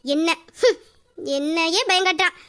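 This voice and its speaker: A woman's voice: extremely high pitch, measured pace, fairly bright tone. A woman voicing a feisty, sassy young wife in an audio drama, with defiant muttered asides.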